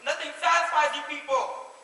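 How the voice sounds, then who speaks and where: A man's voice: very high-pitched, fairly even intonation, normal speed, a little hiss or hum. A teenage actor playing a flustered, exasperated man fielding phone calls in a school stage comedy. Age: teens. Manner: exasperated, bursts of shouting. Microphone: distant room mic. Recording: echoey auditorium from far off, faint clicks.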